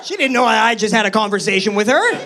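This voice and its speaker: Nervous high-voiced stand-up comedian. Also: male voice, very animated, fast, vocal fry. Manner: nervous, self-deprecating storytelling. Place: comedy club stage before a live audience. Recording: live show with loud crowd laughter.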